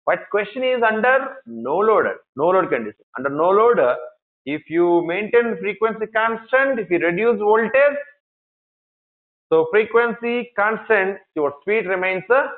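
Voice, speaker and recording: A man's voice: high-pitched, expressive, moderate pace. A male engineering lecturer with an Indian English accent, teaching a class, repeating key phrases and asking questions he then answers himself. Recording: tinny phone-like lecture recording.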